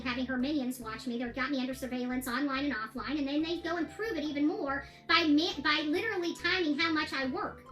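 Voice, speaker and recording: An American woman with a high, sharp voice speaks casually in a video diary, offering her opinions and often repeating herself for emphasis. Representing herself in court, she recounts her case in an echoey room with music playing behind her.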